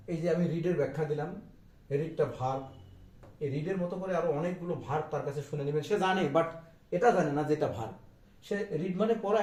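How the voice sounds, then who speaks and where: A man's voice: a little high, mellow, echoey room. A Bangladeshi man teaching a children's English lesson, repeating each phrase over and over. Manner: repetitive, drills phrases over and over. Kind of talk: classroom-style English lesson in Bengali.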